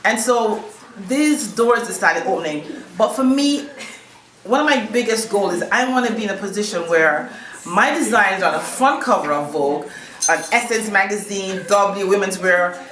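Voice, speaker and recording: A woman's voice: mid-range voice, lively intonation, moderate pace, fairly bright tone, reverberant, rough recording. A woman from Jamaica with a Jamaican accent, a fashion designer telling her story with upbeat laughs as a guest on a video call from her boutique. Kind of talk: casual interview on a video call.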